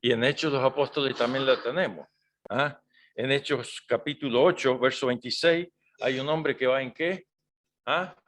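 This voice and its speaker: A man's voice: mid-range voice, normal speed, a bit bright. A male preacher giving a sermon in a conversational style, often tagging his points with rhetorical questions to the congregation.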